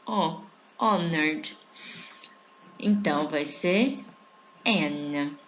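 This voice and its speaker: A Portuguese-speaking woman gives an online English grammar lesson, talking informally to her viewers as a group and slowly stretching out each English example word. Her low-pitched voice is fairly bright, on a lo-fi recording with a little hiss or hum.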